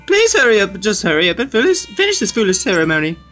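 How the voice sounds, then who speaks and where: A man's voice: high-pitched, huge pitch swings, fast talker, sharp tone, faint music behind, pitched above the performer's own voice, full character voice. A man reading game lines as a short, scheming male chancellor, sneering and condescending.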